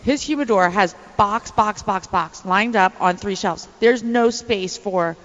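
A woman's voice: mid-range voice, measured pace, fairly bright tone, in a large hall, muffled recording. A woman co-hosting a radio show, chatting playfully and defending herself in banter. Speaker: radio co-host.

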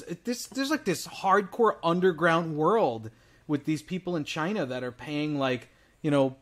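A man of about forty co-hosting a podcast, rambling in casual chat with many fillers. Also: medium pitch. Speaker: podcast co-host.

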